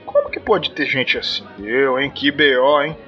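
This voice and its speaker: A man's voice: medium pitch, normal speed, lo-fi sound, faint music behind, lightly acted. A man playing a breezy, slangy, overfamiliar bartender in a radio soap opera. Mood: indignant, chummy. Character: chummy, slangy male bartender.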